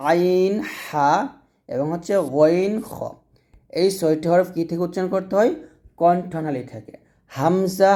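A man's voice: a little high, mellow. A man teaching Quran reading, patiently explaining how each letter is pronounced and repeating the points step by step. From Bangladesh. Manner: patient, repetitive explanation with drawn-out letter demonstrations. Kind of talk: lesson.

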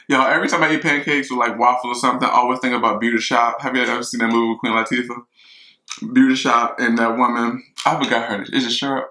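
A man's voice: mid-range voice, steady tone, fairly quick, sharp tone, reverberant, low-quality recording. A man, rambling casually to viewers while eating in his kitchen. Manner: chatty, rambling, talks to viewers as y'all. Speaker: mukbang vlogger. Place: kitchen at home.

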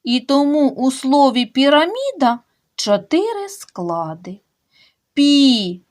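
A young woman teaching a kindergarten literacy lesson, addressing small children and splitting words into syllables with slow emphasis. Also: on the high side, big pitch swings. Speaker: preschool teacher.

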